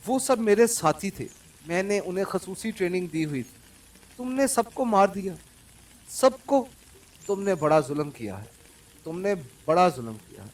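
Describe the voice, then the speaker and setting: A man's voice: sits high, lively intonation, normal speed, distant mic. A man voicing a defiant young woman spy boss. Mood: grieving. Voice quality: pleading, then sulky and sharp. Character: distressed young woman gang leader, defiant. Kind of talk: audiobook character reading.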